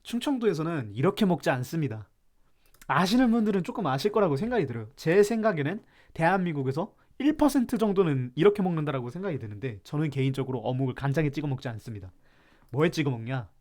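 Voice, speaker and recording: A man's voice: fairly high pitch, big pitch swings, fast talker, darkish tone. A man from Chungcheong, South Korea, hosting a live stream and ranting about food in a playful, mock-serious way while reacting to chat.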